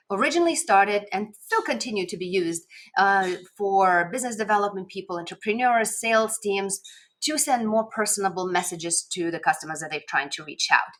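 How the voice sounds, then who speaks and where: Recorded indoors at a home office webcam setup with a desk mic, a Lithuanian-accented woman coaches viewers in a relaxed how-to vlog, emphasizing key words while offering upbeat tips. Her pitch is fairly low and her tone fairly bright.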